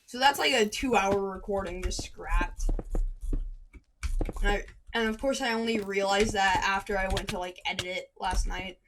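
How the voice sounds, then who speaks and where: Speaking at normal speed in a mid-range voice, this gaming commentator tells a rambling story over live gameplay and stops now and then to react. Her desk mic at the computer picks up background noise and constant keyboard and mouse clicks.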